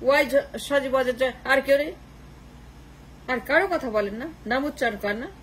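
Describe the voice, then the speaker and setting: A woman delivers a fierce political monologue in a high voice. She repeats her points again and again for emphasis, sliding between Bengali and English. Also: brisk, a little hiss or hum, rough recording. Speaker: political commentator.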